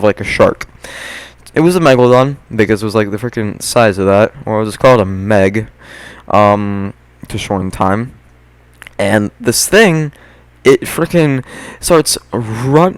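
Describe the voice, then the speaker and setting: A young man chatting casually in a storytime, recounting a dream in an animated, slangy way with puzzled asides. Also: medium pitch, no echo. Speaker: YouTube storyteller.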